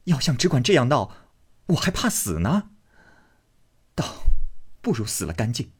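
A man's voice: medium pitch, huge pitch swings, unhurried, husky, voice pushed up, exaggerated voice. A man voicing a coaxing, teasing young nobleman in a storybook reading, pleading and placating.

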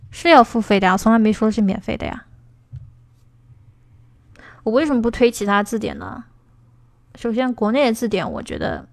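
A woman teaching on a livestream in a chatty, emphatic way, answering viewer questions as she goes. Her voice sits at a middle pitch. The sound is dry and close, with no room in it. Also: dry recording. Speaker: English speaking teacher.

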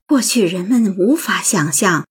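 A woman narrating a prose essay in a lilting, expressive reading voice. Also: medium pitch, a little slow. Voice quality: husky.

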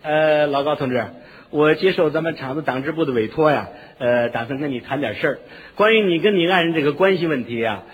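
A man's voice: a little high, fairly quick, breathy edge, big-room sound, dull audio, pitched below the performer's own voice. A man voicing an older union chairman in a comic routine, patiently persuading in a soothing, official tone.

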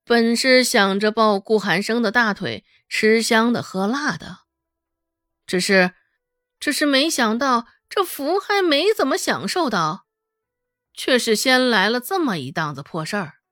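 A woman narrating a serialized novel in an expressive, dramatic storytelling manner. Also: on the high side, unhurried, no echo, clean studio sound, soft background music. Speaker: audiobook narrator.

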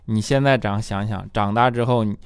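A man's voice: fairly low pitch, steady tone, a little fast, clear, resonant tone, dry recording, studio quality. A man performing a stand-up comedy monologue as host, chatty and teasing, often asking the audience "right?". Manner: chatty, teasing, with frequent rhetorical "right?" asides.

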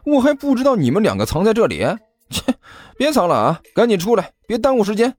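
A man's voice: high-pitched, huge pitch swings, normal speed, soft background music, pitched above the performer's own voice. A man doing a brash cursing male student. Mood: exasperated. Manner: exasperated, shouting, impatient. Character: brash loud male student, quick to swear.

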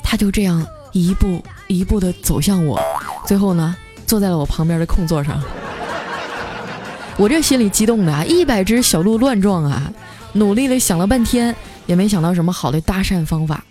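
A woman tells a comic story in a lively, playful voice. Her pitch sits in an ordinary middle range. Soft music plays faintly behind her. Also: normal speed. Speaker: storytelling host. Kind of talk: comic bedtime story narration.

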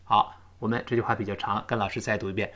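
A man who is a native Chinese speaker, teaching English pronunciation, explaining sounds in detail and slowing way down on model sentences for students to repeat. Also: fairly low pitch, little pitch movement, a bit bright. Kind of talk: spoken English lesson with repeat-after-me drills.

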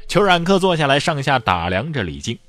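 A man telling an old tale in a lively, colloquial way, with playful asides. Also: a little high, a little fast, soft background music. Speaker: storyteller. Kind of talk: animated oral storytelling.

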